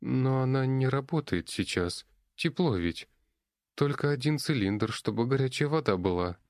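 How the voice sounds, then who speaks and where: A man's voice: medium pitch, lively intonation, normal speed, a little mellow, no echo, studio quality, pitched above the performer's own voice, lightly acted. A man voicing a frightened young half-elf girl who speaks timidly and pleads, in an audiobook. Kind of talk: audiobook character voice.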